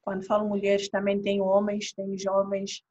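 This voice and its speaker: A woman with an Angolan Portuguese accent, an interview guest and trainer, telling an emotional story with lively quoted dialogue. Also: medium pitch, moderate pace, muffled recording, slight background noise.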